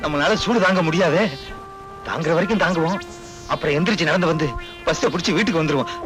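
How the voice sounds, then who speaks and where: A sly, wisecracking fake corpse mutters his quick jokes in a high, fast voice, as a man acts him out. Loud film score plays over his lines. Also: music in the background, close to an everyday voice. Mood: mocking. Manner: wisecracking asides, quick and mocking.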